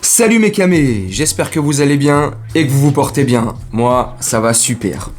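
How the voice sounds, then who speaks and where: A man's voice: mid-range voice, animated, normal speed. A man hosting a casual football vlog, talking in a crude, slangy, rambling way. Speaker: football vlogger host.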